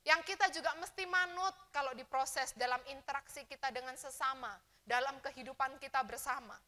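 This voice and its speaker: A woman pastor preaching a sermon in a church, lively and dramatic, sometimes acting out complaining churchgoers. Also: sits high, brisk.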